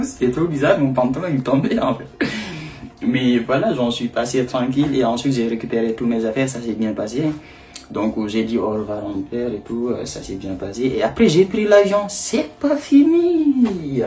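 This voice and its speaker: A young man from Senegal telling a personal story to camera in a casual, animated way. He laughs often and acts out the people he met. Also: medium pitch. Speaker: vlogger.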